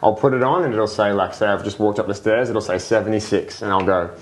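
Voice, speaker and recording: Low-voiced man explaining breathwork. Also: fast talker, slight background noise. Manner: explains patiently, many fillers and "right?" checks. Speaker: breathwork coach, podcast guest. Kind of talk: casual explanatory interview talk.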